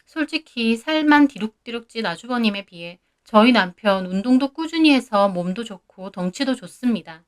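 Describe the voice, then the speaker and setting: A woman's voice: on the high side, lively intonation, moderate pace. A married woman narrating her own family quarrel in an indignant, gossipy first-person storytelling voice. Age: adult, married.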